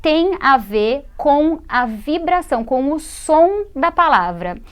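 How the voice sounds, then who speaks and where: A Brazilian woman teaches English on television, explaining patiently in an animated, slightly high voice. She repeats words and models the sounds slowly for her viewers.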